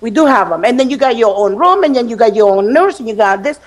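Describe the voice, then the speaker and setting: A woman's voice: a little high, lively intonation, fast. Blunt, emphatic woman panelist. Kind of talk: casual radio panel chat.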